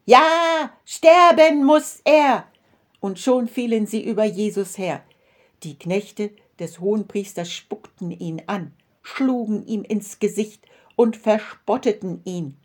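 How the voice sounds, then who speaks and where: Woman narrator, children's Bible story, calm and clear, mid pitch. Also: a little slow.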